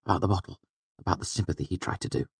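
A man reading an audiobook, voicing a quick, mischievous young male companion who speaks urgently. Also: sits low, vocal fry, husky, no room sound, exaggerated voice. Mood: urgent whisper. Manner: quick, urgent, hissing when secretive.

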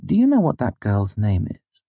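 A man reading an audiobook, voicing a young man in the story who speaks in a hushed, conspiratorial tone. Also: on the low side, huge pitch swings, normal speed, breathy edge, no echo, highs cut off, voice pushed up, exaggerated voice. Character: young man, wary and scheming.

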